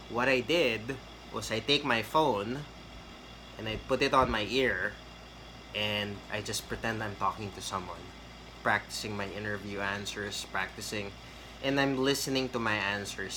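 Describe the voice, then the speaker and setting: A Filipino man with a lowish voice gives a casual, rambling tutorial to camera on getting hired in a call center. He's chatty, full of fillers and restarts, and there's background noise.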